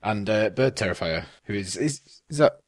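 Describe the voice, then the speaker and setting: A man's voice: on the low side, lively intonation, moderate pace, dry recording, clean studio sound. A man co-hosting a podcast, chatting casually in a sardonic way with lots of fillers. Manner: sardonic, swearing, frequent fillers. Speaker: podcast co-host.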